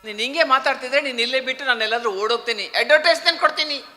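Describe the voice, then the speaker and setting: A male ventriloquist plays straight man in a stage comedy show, quizzing and teasing his puppet. His voice sits high and rings very bright. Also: very fast.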